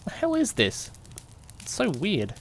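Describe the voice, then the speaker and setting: Pitched high, with huge swings and a heavily acted delivery, a man speaks a little slowly over a faint hiss or hum. He plays a detective's curious, jittery young companion, narrating an amateur mystery audio drama in first person with suspense and questioning asides. It sounds suspenseful and curious.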